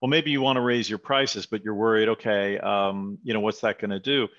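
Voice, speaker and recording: A man's voice: on the low side, steady tone, brisk, a bit bright. A man hosting an interview, friendly and a little self-correcting as he asks questions. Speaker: interview host. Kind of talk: conversational interview. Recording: dull lo-fi audio.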